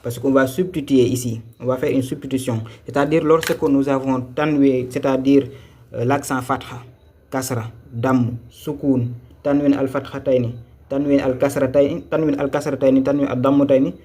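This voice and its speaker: A man teaching Quran reading in a live online lesson, patiently repeating and spelling out syllables slowly. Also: mid-range voice, fairly even intonation, mellow, slightly rough.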